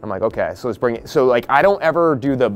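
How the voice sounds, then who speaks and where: Out on the porch of a house he's flipping, a real estate investor walks a group through the property, his mid-range voice expressive over soft background music. He explains things casually, bluntly and practically, tossing in quick quotes from other people.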